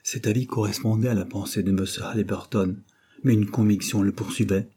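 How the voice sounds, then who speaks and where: A man narrating a classic novel as an audiobook in a steady storytelling manner. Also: lowish voice, brisk, slightly rough.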